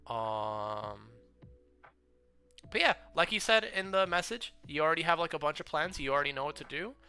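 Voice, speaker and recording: A young man streaming casual commentary on viewers' game builds, chatty and full of fillers, with excited outbursts. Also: fairly high pitch, normal speed, clean tone. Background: faint background music.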